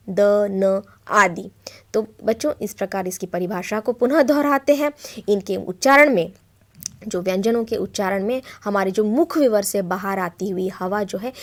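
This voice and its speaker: A woman teacher giving a televised grammar lesson to children, asking them questions and answering them herself, drawing out letter sounds one by one. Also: medium pitch. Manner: explains slowly, often asks children questions and answers herself.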